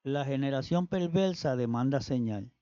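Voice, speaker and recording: Man reading scripture in a steady voice. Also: mid-range voice, normal speed, dry recording, dull audio. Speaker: scripture reader. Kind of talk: reading Bible passages aloud.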